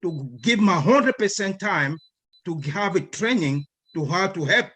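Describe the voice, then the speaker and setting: A fairly high-voiced man speaks to an online meeting. He is earnest and halting, and he stumbles over repeated words as he gathers his thoughts. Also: lively intonation, a bit bright. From Cameroon. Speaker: guest speaker. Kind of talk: online group meeting talk.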